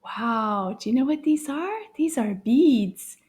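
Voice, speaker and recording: A high-voiced woman leads a children's language class at a slow, careful pace. Her delivery is very lively and encouraging, with simple phrases, prompts to repeat and switches between English and French. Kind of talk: interactive kids' language lesson, asking for repeats.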